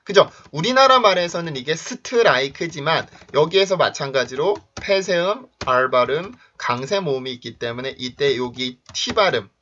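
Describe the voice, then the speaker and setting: A man teaching English pronunciation in a video lesson, explaining sounds and drilling example words in a clear, punchy way. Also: fairly high pitch, lively intonation, moderate pace, hardly any pauses, pushed and bright. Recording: dull lo-fi recording.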